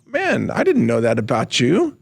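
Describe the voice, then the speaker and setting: A man from the American Midwest talks as a podcast guest. He explains at length, and his questions have an amused, incredulous edge. His mid-range voice carries a gravelly fry. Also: mid-range voice, wildly swooping pitch, normal speed. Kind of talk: casual conversation.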